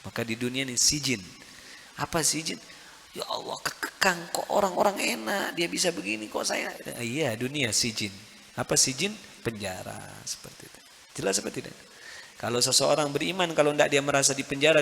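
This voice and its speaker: A man preaching a mosque sermon, emphatic, with sudden high rises and rhetorical questions to the crowd. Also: a bit bright, big-room sound, slight background noise. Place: mosque hall.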